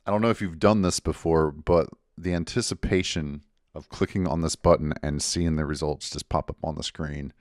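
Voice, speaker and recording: A man with a very low voice hosts a genealogy vlog in a casual, explanatory way. He works through the numbers step by step, methodical and clear. The sound is dry and close, with no room echo. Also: fairly even intonation, normal speed, darkish tone. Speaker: genealogy channel host.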